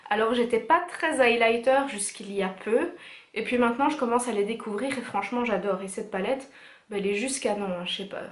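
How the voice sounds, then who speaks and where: A woman's voice: on the high side, brisk, a little hiss or hum. A young woman chatting casually and enthusiastically in a beauty haul vlog, with many fillers. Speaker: beauty vlogger. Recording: echoey room.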